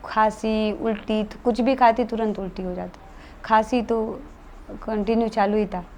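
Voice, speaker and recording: Telling an interviewer about her own experience, a woman speaks at a measured pace in a slightly high, darkish voice with fairly even intonation. The casual storytelling is earnest and matter-of-fact, with a little hiss or hum.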